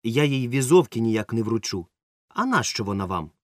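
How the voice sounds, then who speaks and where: A man's voice: medium pitch, very animated, fairly quick, no room sound, clean studio sound, lightly acted. A man voicing a stern, suspicious middle-aged woman yard-sweeper who is secretly a witch, in an audiobook. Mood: stern scolding. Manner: stern, scolding, sharp. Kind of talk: audiobook character voice.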